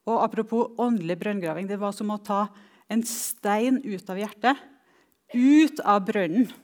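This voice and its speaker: Earnest woman giving a slow testimony. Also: mid-range voice. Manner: earnest, reflective, with slow emphatic pauses. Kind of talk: personal testimony talk.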